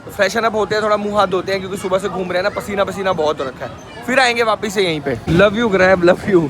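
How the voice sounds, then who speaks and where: A young man chatting to his viewers in a travel vlog, filmed on a handheld camera. His voice sits a little high for a man, and he tells the story with lively energy, turning to the viewers again and again. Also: rapid-fire, a crowd in the background, background noise. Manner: animated storytelling, addresses viewers as guys. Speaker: travel vlogger. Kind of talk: casual travel vlog chat.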